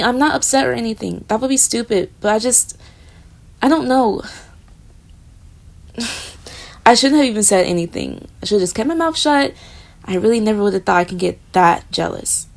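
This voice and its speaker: Sounding hurt, a young woman performs a jealous, flustered roommate in a romantic audio roleplay. She talks right to the listener, her fairly high, creaky voice trailing into soft murmurs.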